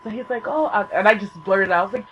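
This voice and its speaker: A woman's voice: fast, slight background noise. Young woman host, solo podcast, gushy storyteller who swears a lot, slightly dull lo-fi laptop sound. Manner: excitable, swears freely, acts out quotes with big pitch jumps.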